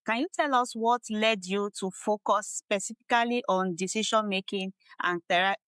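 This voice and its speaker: Smooth-voiced woman hosting a podcast. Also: medium pitch, moderate pace, a bit bright, no room sound, low-quality recording. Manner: polite, formal introductions. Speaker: podcast host. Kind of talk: interview hosting.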